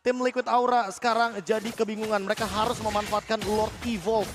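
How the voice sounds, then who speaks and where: A man's voice: sits high, little pitch movement, fairly quick. A man with an Indonesian accent explaining tactics as an analyst during live esports commentary. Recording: loud music behind the voice. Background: music.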